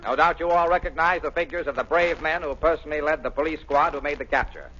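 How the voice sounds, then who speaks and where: A man playing a brash male carnival barker at a waxworks in a 1930s radio drama, with loud showman's patter. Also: a little high, fairly even intonation, fast, slightly rough, heavily acted. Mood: lecturing. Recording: muffled old radio recording with crowd.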